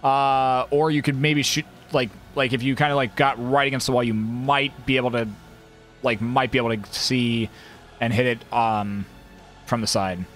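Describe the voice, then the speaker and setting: A man's voice: mid-range voice, fairly even intonation, normal speed, fairly bright tone, soft background music. A man running a tabletop game as game master over online group voice chat, narrating loosely with many fillers.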